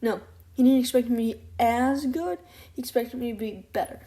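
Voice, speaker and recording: A woman's voice: fairly high pitch, a little fast, dark tone. A woman narrating a first-person audiobook, reading aloud with occasional stumbles and restarts.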